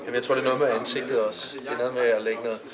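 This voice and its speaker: A man directing actors on a film set, giving brisk instructions. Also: mid-range voice, little pitch movement, far from the mic, a crowd in the background. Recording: echoey room with loud music.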